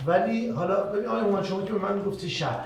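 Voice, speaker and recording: A man playing a mafia game who argues his case insistently and pleads for the others' votes. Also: high voice. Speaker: game player. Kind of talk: arguing in a social deduction game. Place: game cafe room. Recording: distant mic, echoey room, noise.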